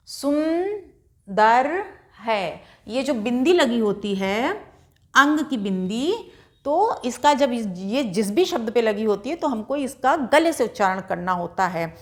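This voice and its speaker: Woman teacher, Indian Hindi accent, slightly high voice, very slow and patient, sounds out syllables one by one. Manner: patient, spells out each syllable and repeats. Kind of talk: slow board lesson, syllable by syllable.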